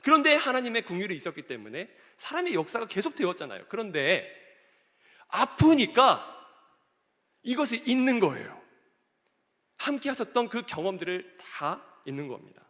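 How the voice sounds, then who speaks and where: A man's voice: high voice, sing-song, moderate pace, long pauses, a bit bright. A male pastor preaching a sermon in a church, reading scripture aloud and putting questions to the congregation. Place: church sanctuary. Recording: echoey church hall.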